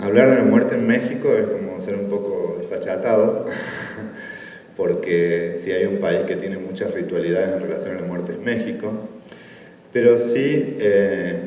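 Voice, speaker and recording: A man from Argentina with a Córdoba accent giving a relaxed conference talk, full of fillers and tag questions. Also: on the low side. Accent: Argentine Spanish, Córdoba. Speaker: academic conference speaker. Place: conference room. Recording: distant, echoey hall, dull sound.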